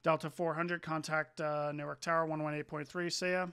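A man's voice: on the high side, flat delivery, brisk. A young man acting as an air traffic controller, giving clipped, procedural radio instructions for a flight simulator.

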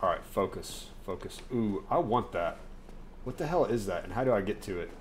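A man's voice: on the low side, expressive, brisk, slight background noise. A man streaming a game live from his desk at home. He talks straight to his chat, gets worked up easily and swears. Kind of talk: live gameplay commentary chatting with viewers.

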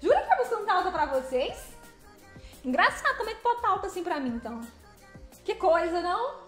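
A livestreaming truck driver chats casually with viewers from the cab while driving, playfully greeting them by name. She talks fast in a very high, sing-song voice. The sound is reverberant, with soft background music.

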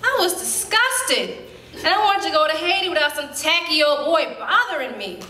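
A woman performing a dramatic stage monologue as a spirited woman recalling her girlhood, telling it in lively, colloquial speech with sudden jumps in pitch. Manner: lively storytelling, colloquial, with quick leaps up in pitch. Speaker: stage actor. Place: theater stage. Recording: roomy hall.

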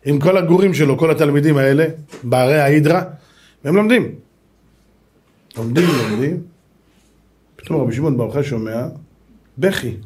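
A man, a rabbi giving a lively sermon and acting out the people in his stories, at times shouting. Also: fairly high pitch, pauses often. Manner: animated, shouts and acts out voices in the stories.

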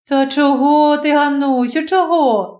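Calm young official, read by a woman. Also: high-pitched, measured pace, pitched above the performer's own voice. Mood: soothing. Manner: soothing, reassuring. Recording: roomy echo.

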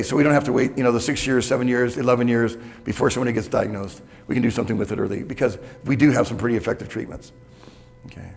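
Gravelly man giving a keynote talk. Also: mid-range voice. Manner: candid, conversational, with frequent "okay?" check-ins. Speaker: keynote speaker. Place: hotel conference room with audience. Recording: reverberant conference hall.

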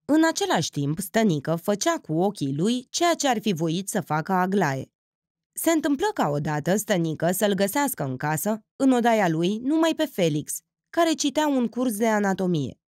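Expressive woman narrating an audiobook. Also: medium pitch, dry recording, studio quality. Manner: expressive, acts out the characters. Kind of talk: scripted literary narration.

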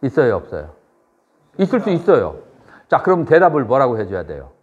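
A middle-aged man, a Buddhist monk lecturing a seminary class, who asks students questions and then answers them, with measured phrasing and pauses. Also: medium pitch, wildly swooping pitch, slightly rough. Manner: measured delivery with frequent pauses and "eo" fillers. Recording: dull lo-fi lecture recording.

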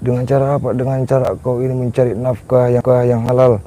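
A man's voice: medium pitch, flat delivery, fairly quick, dark tone, a little hiss or hum, low-quality recording. A man playing a cleric who performs an exorcism, giving stern commands and chanting prayers in long melodic lines. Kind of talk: staged ruqyah drama with chanted prayers.

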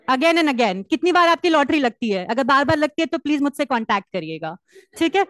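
A woman teacher giving a lively, teasing classroom lecture, switching between two languages and joking with students. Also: sits high, no echo. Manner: lively, teasing, mixes Hindi and English.

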